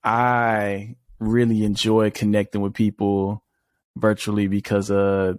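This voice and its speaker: Podcast host, a man, casual and easygoing, lowish voice, dry close mic. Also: completely flat delivery, takes it slowly, clean tone, no echo. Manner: laid-back, many fillers like "you know". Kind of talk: casual interview chat.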